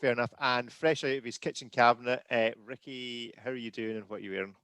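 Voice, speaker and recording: Male host, live video call, brisk and jokey, dry close sound. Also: mid-range voice, fairly even intonation, fairly bright tone, clean tone, no room sound. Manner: jokey, brisk, introduces guests one by one. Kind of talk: casual live video chat.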